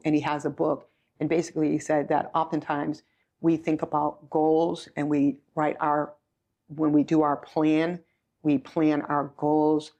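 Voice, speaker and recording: A chief executive of sixty, guesting on a podcast, recounts her story in a conversational way. She speaks low-pitched with a darkish tone, earnest throughout, often repeating phrases for emphasis.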